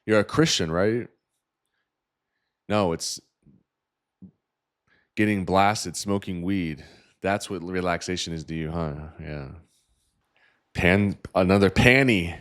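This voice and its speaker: Deep-voiced sarcastic man ranting. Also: slow, long pauses. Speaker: host reviewing dating profiles. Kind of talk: reaction commentary.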